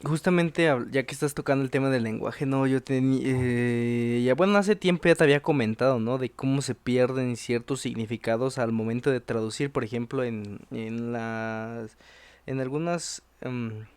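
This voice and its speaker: A man's voice: mid-range voice, normal speed, a little mellow, clean tone. A young Mexican man in casual podcast chat, thinking aloud with many restarts. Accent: Mexican Spanish. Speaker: podcast co-host.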